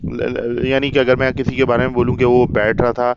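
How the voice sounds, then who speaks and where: A man's voice: mid-range voice, completely flat delivery, lo-fi sound, background noise. A man teaching English by reading a children's story aloud and explaining each line in Urdu-Hindi to a child. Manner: reads English lines slowly, then explains word by word; addresses the listener as a child, calls them beta.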